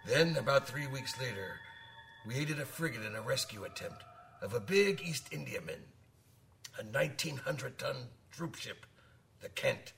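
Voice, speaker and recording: An actor playing a gruff, hearty old sailor who savors short phrases as he spins dramatic tales of the sea. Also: mid-range voice, animated, moderate pace, fairly bright tone, recorded from a distance, slight background noise. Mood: grave storytelling. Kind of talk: dramatic audio storytelling.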